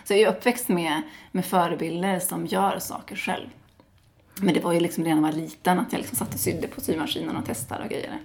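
A woman from Sweden answering interview questions in a relaxed, rambling way, full of small fillers. Her voice sits on the low side and has a gravelly, fry-laden edge. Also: a little hiss or hum. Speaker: interview guest. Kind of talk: casual interview conversation.

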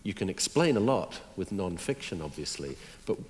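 Deep-voiced man interviewer. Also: sing-song, moderate pace, long reverb tail. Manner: probing, conversational questioning. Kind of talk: interview questions.

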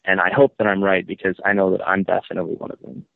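A man in his thirties calling a radio show over a phone line, earnest and halting, with many restarts. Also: low voice, flat delivery, vocal fry, no echo. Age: 30s. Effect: phone-line call-in audio. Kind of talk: casual call-in chat. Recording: tinny phone line, dry.

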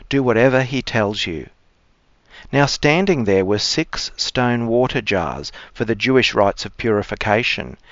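A man speaking as a cleric, giving measured, formal scripture readings and reflection. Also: mid-range voice, fairly bright tone, dry recording. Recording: dry, slightly dull close sound.

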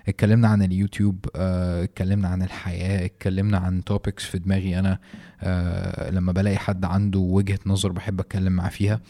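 A man with an Egyptian Arabic accent hosting a podcast, talking casually and off the cuff, with halting delivery and drawn-out pauses. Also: low-pitched, level tone, warm tone. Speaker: podcast host. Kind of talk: casual, unscripted podcast talk.

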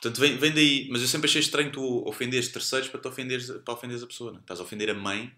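Man, podcast guest, very sharp bright voice, fast casual banter, roomy home recording. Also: mid-range voice, fairly even intonation. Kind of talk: casual comedic chat. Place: indoors at home.

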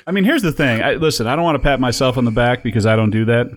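Man, podcast co-host, casual banter, rambling, laughs a lot, mid pitch. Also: animated, rapid-fire. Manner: rambling, laughing, acts out quotes.

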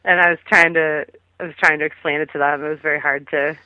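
A woman's voice: low-pitched, fairly even intonation, fast talker, sharp tone, no room sound. A woman calling in as a guest, chatting casually and rambling with lots of fillers. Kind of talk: casual phone interview. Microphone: phone call. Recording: tinny phone line, dry.

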